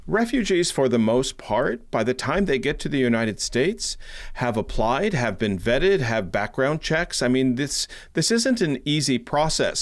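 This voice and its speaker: A man hosting an interview, asking long, conversational framing questions. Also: mid-range voice. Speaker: host.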